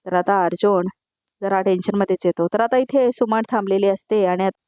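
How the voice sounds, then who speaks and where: A woman narrating a TV serial recap in a chatty voice-over, often turning to speak to her viewers. Her pitch sits in the middle. The recording is dry and close. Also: fairly quick, warm tone, dry recording. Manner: chatty, addresses viewers directly.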